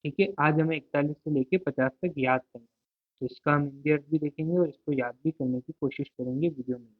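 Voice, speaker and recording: A man's voice: a little high, a little fast, no room sound. A man teaching a vocabulary lesson, asking a question and then answering it himself, repeating each word several times. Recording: tinny, dry, phone-like sound.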